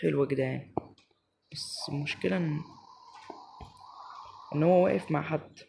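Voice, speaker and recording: A man with an Egyptian Arabic accent giving excitable live commentary as he plays a game, talking straight to his viewers. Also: fairly high pitch, moderate pace, creaky, a little hiss or hum. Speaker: gaming channel host.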